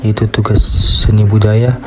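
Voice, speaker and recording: A young man, a student, reading his class presentation in a steady, scripted way. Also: lowish voice, moderate pace, noisy background. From Indonesia. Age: young adult. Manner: steady, reads from a script in a flat tone.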